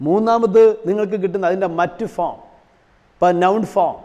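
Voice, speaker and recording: A man's voice: sits high, brisk, darkish tone, dull audio. A male teacher giving a classroom lesson, asking rhetorical questions and slipping English terms into his explanations. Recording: long hall reverb.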